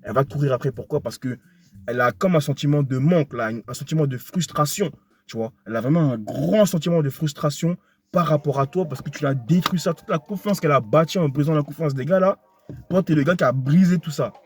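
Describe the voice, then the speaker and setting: A man's voice: a little high, a little fast, slightly rough. A young man giving dating advice in a casual, slangy monologue, talking straight to the listener and repeating himself often. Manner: slangy, repetitive, addresses listener directly.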